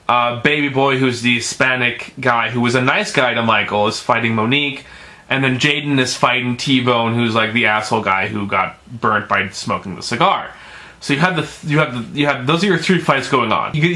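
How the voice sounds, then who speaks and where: Bright-voiced man rambling through a film review. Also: medium pitch. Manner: rambling, stumbling over names and words. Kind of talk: casual, profane spoken film review.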